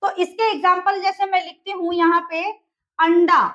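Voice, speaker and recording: High-voiced woman teaching. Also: flat delivery, moderate pace, a bit bright, muffled recording. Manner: asks the class questions and repeats answers. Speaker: English teacher. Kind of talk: explaining a lesson step by step.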